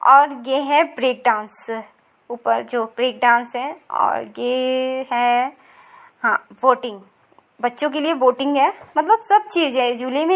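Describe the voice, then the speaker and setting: A woman's voice: sits high, fairly bright tone. A woman in her thirties chatting casually as she narrates her vlog, rambling and repeating herself with many fillers. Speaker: vlogger.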